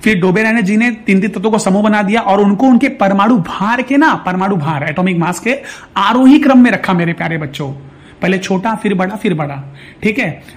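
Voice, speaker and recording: High-voiced chatty male science teacher. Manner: chatty, addresses students as "beta"; repeats definitions slowly for emphasis. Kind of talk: casual classroom lecture.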